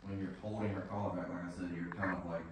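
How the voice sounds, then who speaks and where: A low-pitched man talks through a dog training session in a casual, explaining way, often checking in with "right?". He is picked up from across a very echoey room, with faint noise behind him. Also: fast. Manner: relaxed, explanatory, lots of "like" and "right?". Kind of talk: casual instruction. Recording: very echoey room, mic at a distance.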